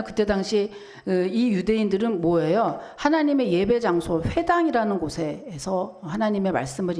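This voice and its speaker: A woman's voice: mid-range voice, a little mellow. A middle-aged woman pastor preaching a sermon, telling a story vividly and asking the congregation rhetorical questions.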